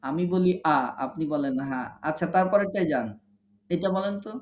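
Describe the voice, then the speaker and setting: A man's voice: on the high side, normal speed, slight background noise. Patient man teaching recitation, echoey. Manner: patient corrective drilling, models sounds. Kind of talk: online class instruction. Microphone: online video call.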